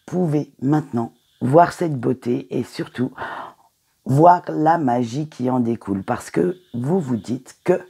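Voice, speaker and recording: Woman, card reader: warm, mellow tone, gently reassuring delivery to viewers. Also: extremely low pitch, animated, slow, gravelly, breathy edge. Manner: gentle, encouraging, with hesitant fillers. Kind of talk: weekly oracle card reading to viewers.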